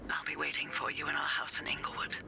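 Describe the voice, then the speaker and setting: An ailing, teasing wife on the phone. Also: female voice, noisy background. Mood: affectionate. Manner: warm teasing phone talk, slow endearments.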